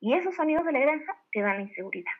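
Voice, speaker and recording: A woman leading a network marketing team, giving an animated motivational talk full of rhetorical questions and direct appeals to her listeners. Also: high-pitched, racing. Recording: tinny phone-like audio.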